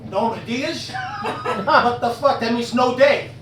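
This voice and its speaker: Over music, a stand-up comedian with an extremely high pitch speaks at a measured pace with fairly even intonation. In a werewolf persona, he tells crude punchline jokes, works the crowd and laughs at his own gags, captured distantly in an echoey room.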